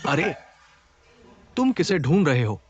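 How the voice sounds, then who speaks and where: A curt, cold billionaire CEO. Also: male voice, a little high, very animated, measured pace, muffled recording. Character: aloof, stern young billionaire male CEO. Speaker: boss. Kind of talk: Hindi dub of a TV drama.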